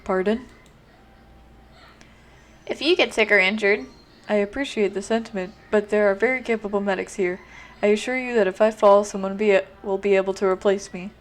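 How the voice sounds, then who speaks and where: A woman voicing a reserved, tense male doctor with a light Southern accent, speaking quietly and formally. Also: medium pitch, fairly even intonation, brisk, pauses often, lightly acted. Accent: American Southern.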